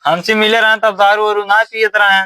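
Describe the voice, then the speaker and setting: A man's voice: high voice, flat delivery, moderate pace, sharp tone, smooth, no echo. A man playing an insistent village lender chasing his money in a comedy sketch, with an Awadhi accent. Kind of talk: rural comedy sketch acting.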